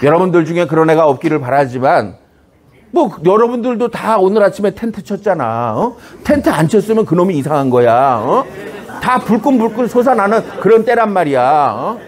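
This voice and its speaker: A middle-aged male comedy writer gives a humorous lecture to high school students, very animated and brisk. He's teasing and punchy, keeps asking "어?" to get a reaction, and breaks into shouted examples.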